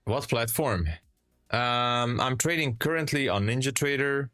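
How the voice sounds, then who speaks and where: A man's voice: medium pitch, unhurried, fairly bright tone, dry recording, clean studio sound, faint music behind. A young Hungarian man with a Hungarian accent, streaming live trades and chatting casually with viewers, laughing often and restarting his sentences as he reads the chat. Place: home trading room. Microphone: headset.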